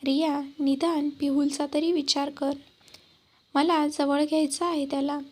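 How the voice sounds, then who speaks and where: A woman's voice: high voice, level tone, measured pace. A woman voicing a remorseful young husband who begs his wife to reconsider. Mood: pleading. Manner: pleading.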